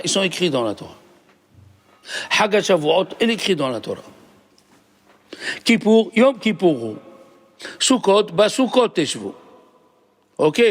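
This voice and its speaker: Male rabbi, lively lesson voice, patient explainer who quizzes his class. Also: high-pitched.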